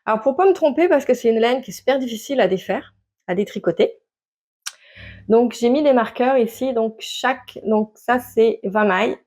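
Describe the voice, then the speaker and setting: Chatting casually to camera about her knitting, a woman speaks at a moderate pace in a higher-pitched, darkish voice. The show-and-tell is hesitant, peppered with fillers and restarts.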